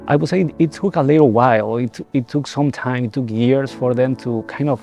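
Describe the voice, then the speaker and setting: Young man from El Salvador, gravelly and halting, soft music underneath. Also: mid-range voice. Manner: halting, many repeated words and restarts. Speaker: seminarian. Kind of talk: reflective personal testimony.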